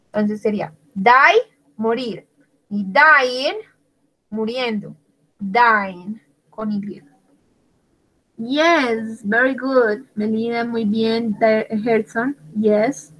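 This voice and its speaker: A woman's voice: fairly high pitch, very slow, long pauses, fairly bright tone, poor audio. A woman teaching an English grammar class in Spanish, spelling out words letter by letter and praising her students by name. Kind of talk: online class explaining grammar.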